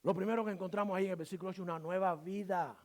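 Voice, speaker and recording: A male pastor preaching a sermon, firing off rhetorical questions and swinging between loud emphasis and quiet asides, now and then acting out short voices of church members. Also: high-pitched, fairly even intonation, very fast.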